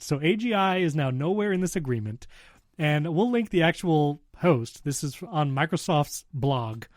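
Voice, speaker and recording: A man with a slightly higher voice co-hosts a casual tech show. He chats loosely, laughs often and reads news items aloud. The sound is dry and close, with no room around it. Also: darkish tone, dry recording. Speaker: podcast co-host.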